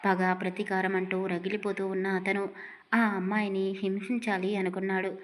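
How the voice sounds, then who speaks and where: A woman's voice: medium pitch, little pitch movement, moderate pace, slight background noise. Dramatic woman storyteller. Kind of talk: scripted narration.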